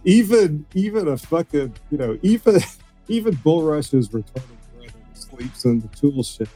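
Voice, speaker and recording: A man's voice: a little high, big pitch swings, measured pace, warm tone, husky, faint music behind. A man guest on a live stream, rambling, restarting his sentences and swearing casually. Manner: rambling, profane, restarts a lot. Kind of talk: casual group chat.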